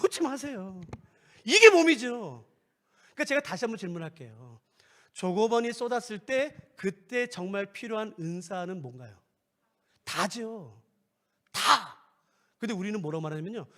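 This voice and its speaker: A middle-aged male pastor preaching a sermon in an animated, playful way, acting out little scenes. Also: high voice, moderate pace, pauses often. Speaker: guest pastor. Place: church sanctuary.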